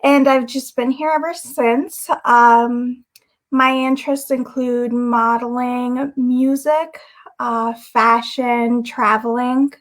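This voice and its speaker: High-voiced, soft-spoken young woman from Guyana. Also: fairly even intonation, takes it slowly. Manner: soft-spoken, hesitant, with many uhs and restarts. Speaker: model, interview guest. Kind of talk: casual interview answers.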